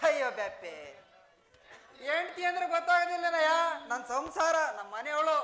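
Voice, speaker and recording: A man playing a frightened, boastful comic village husband in a live open-air folk drama, pleading in a high, wailing voice. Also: animated, normal speed, bright, forceful tone, exaggerated voice. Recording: echoey open-air stage, band music behind.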